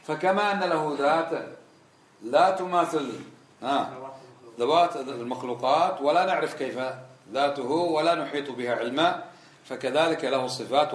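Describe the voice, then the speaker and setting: A man's voice: mid-range voice, reverberant. A man teaching a religious lesson, emphatic and full of rhetorical questions. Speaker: Islamic scholar teaching a lesson.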